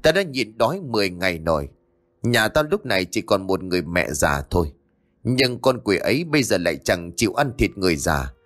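A man's voice: low-pitched, very animated, a little fast, a bit bright. A man voicing a cruel, hot-tempered male neighbor who snarls threats, in a spoken ghost story. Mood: menacing.

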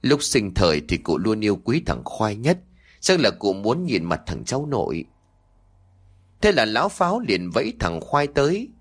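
A man's voice: on the low side, moderate pace, husky. A man narrating a scripted horror folk tale, telling it expressively and voicing the dialogue. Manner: lively, expressive storytelling with acted dialogue. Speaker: storyteller.

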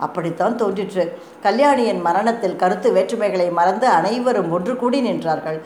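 A woman narrates a historical novel in a measured, dramatic reading voice. Her voice rings in an echoey room, with a faint hiss behind it. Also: medium pitch, a little mellow.

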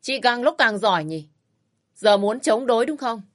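A woman's voice: on the high side, animated, normal speed, voice pushed up. A woman voicing an angry, domineering old father-in-law who scolds harshly in a raised voice. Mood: furious scolding.

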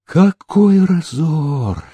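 A fussy, scandalized estate steward scolding his master in a story reading, as a man puts him on. He speaks slowly and rises in pitch with shocked disapproval, in a dry close sound. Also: very animated, mellow, no room sound, exaggerated voice. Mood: aghast. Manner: aghast, scolding.

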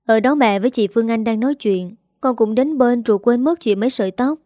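A woman's voice: on the high side, brisk, mellow, no room sound, clean studio sound, natural voice. Woman voicing a sobbing remorseful daughter. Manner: pleading, apologetic.

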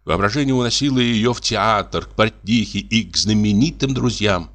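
A male narrator reads a classic story in a measured, expressive voice. His pitch sits on the low side. The style is polished audiobook narration.

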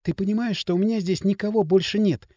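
A male reader voicing a frightened young woman who speaks through tears in halting, pleading phrases. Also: high voice, fairly even intonation, dark tone, no room sound, clean studio sound, voice pushed up, close to an everyday voice. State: crying. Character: young woman, tearful and anxious.

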